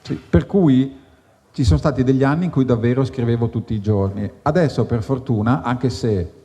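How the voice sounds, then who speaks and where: Brief: mellow man, relaxed self-deprecating author, live onstage, long reverb. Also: medium pitch, normal speed. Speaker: guest author. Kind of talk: casual live onstage conversation. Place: outdoor tent at an evening wine festival.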